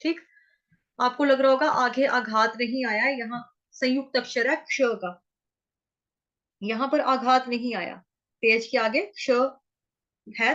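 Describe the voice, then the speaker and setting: A woman leads a chanting lesson, her high, bright voice unhurried as she patiently breaks down each syllable. The sound is slightly dull and lo-fi. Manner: patient, explains pronunciation step by step. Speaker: Sanskrit recitation teacher. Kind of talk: chanting lesson with slow verse recitation.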